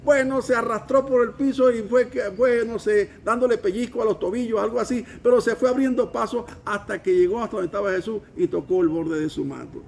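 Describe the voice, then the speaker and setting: A man's voice: very high-pitched, fairly quick, vocal fry, few pauses, slight background noise. A man preaching a sermon as pastor, emphatic, calling the congregation to repeat after him. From Venezuela. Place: church.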